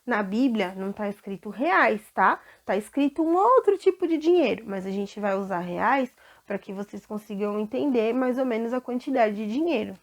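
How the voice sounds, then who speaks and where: A woman's voice: on the high side, moderate pace. A woman with a Brazilian Portuguese accent, telling a Bible story to children and asking them questions. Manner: animated, asks children questions.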